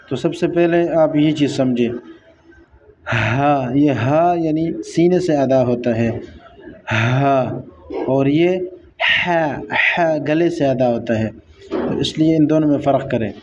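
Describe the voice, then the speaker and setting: Guy teaching quran recitation, slightly high mellow voice, repeats sounds slow, kinda dull lo-fi audio w faint hiss. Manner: patient, repeats each sound slowly to demonstrate. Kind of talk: tajweed lesson, explaining and reciting.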